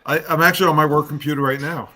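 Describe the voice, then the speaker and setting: A man's voice: a little high, steady tone, racing, sharp tone. A man in a casual chat who drops wry asides.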